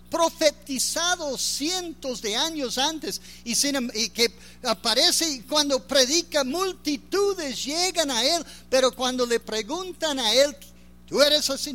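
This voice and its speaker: A man delivering a sermon, his voice pitched high and ringing bright. He speaks earnestly and without hurry, stopping often to search for words, then lifts his delivery on the points he wants to stress. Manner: earnest, unhurried, with many pauses and fillers. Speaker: preacher.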